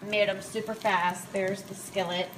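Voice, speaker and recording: A woman in her forties, a motivational vlog host and food prep coach, chats casually to camera in a rambling, conversational way. Her mid-range voice stays level and a little slow, with a noisy background behind her.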